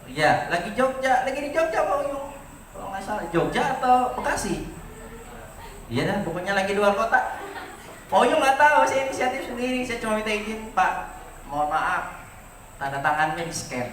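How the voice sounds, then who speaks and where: A man in his forties, a teacher, giving a lively farewell speech to his graduating students and telling stories with rhetorical questions. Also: sits high, moderate pace, long pauses, far from the mic, slight background noise. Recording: echoey room, voice from afar, audible ambience.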